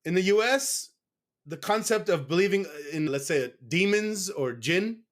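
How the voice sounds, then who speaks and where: A man's voice: high-pitched, lively intonation, a little slow. A man from the United States speaking in a casual interview as a guest, candid and rambling, often stopping to correct himself.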